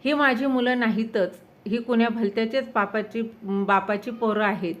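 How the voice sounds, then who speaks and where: Storybook role: woman reading a brooding, bitter father, harsh with his children; fairly high voice. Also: fairly even intonation, moderate pace, natural voice. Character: cold resentful wealthy husband and father.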